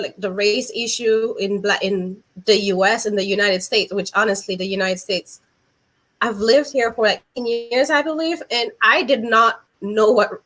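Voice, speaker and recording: A woman's voice: mid-range voice, fairly bright tone. A young woman hosting a casual video-call interview, speaking thoughtfully and building her points step by step. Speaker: host.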